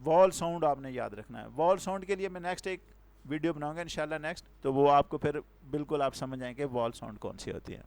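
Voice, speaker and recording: A man's voice: on the high side, a little mellow, dry recording. A man teaching an English pronunciation lesson, explaining with repeated examples and questions to the viewer.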